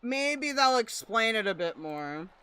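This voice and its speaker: A woman's voice: a little high, sing-song, a little slow, bright, forceful tone, smooth, no echo. A woman streamer giving casual live commentary and reading chat comments aloud. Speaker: streamer reacting to a recording.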